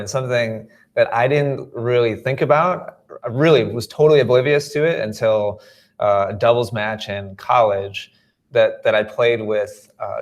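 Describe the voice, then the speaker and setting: A man hosting a live tennis coaching stream, talking with many "uh" fillers and restarts as he explains. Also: mid-range voice. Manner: hesitant, frequent uh fillers and restarts. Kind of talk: live coaching panel chat.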